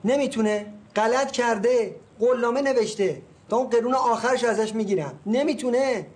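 A man's voice: high voice, a little mellow, lightly acted. An actor playing a middle-aged male real estate agent, by turns soothing and threatening. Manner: soothing, then blustering and threatening.

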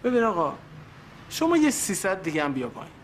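An actor playing a pushy, haggling male customer in a screen drama, insistent, colloquial and quick to take offence. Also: sits high, huge pitch swings, slight background noise. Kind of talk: naturalistic screen drama acting.

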